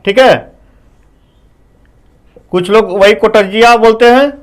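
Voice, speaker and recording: A man teaching a whiteboard math lesson, explaining step by step, asking his students questions and saying "okay" between points. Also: sits high. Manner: explains slowly, asks the class questions.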